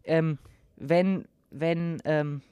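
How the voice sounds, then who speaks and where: A man's voice: on the high side, fairly even intonation, drawn-out words, mellow, clear, resonant tone, no echo, dull audio. A teenage boy co-hosting a casual podcast, full of slang and laughter. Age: teens. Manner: slangy, says "Digga" often, laughs a lot. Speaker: podcast co-host.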